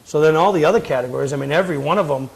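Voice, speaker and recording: A man's voice: on the high side, racing, vocal fry, poor audio. A man hosting a talk show, chatting casually and prodding his guest along. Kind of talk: casual interview.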